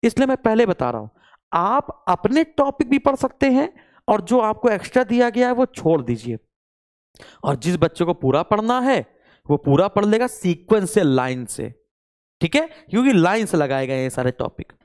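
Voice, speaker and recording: A man's voice: high-pitched, sing-song, moderate pace. A young man, a coaching teacher walking students through a course syllabus and scolding those who complain.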